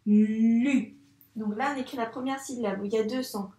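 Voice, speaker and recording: A woman teaching young children a dictation, patiently spelling out sounds and syllables clearly for a child. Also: fairly high pitch, fast, darkish tone. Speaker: primary school teacher. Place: room with a whiteboard. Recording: echoey room.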